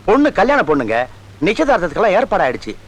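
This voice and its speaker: A man's voice: sits high, huge pitch swings, racing. A man in a film comedy scene, worried and pleading.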